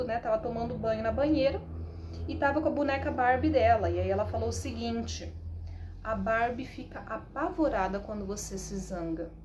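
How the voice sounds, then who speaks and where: A Brazilian woman in her thirties talks about raising her children in a casual storytelling manner. Her voice sits a little high, and she is animated and chatty, often adding "né". A faint ambient hum stays under her voice. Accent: Brazilian Portuguese. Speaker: parenting talk host, mother.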